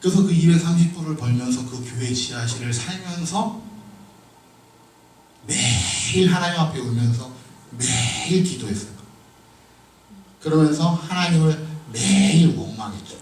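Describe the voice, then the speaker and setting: A man preaching a sermon with personal testimony, moving from quiet storytelling to shouted emphasis. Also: a little high, animated, normal speed, long pauses, slight background noise. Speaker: pastor. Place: church sanctuary. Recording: echoey hall from far off.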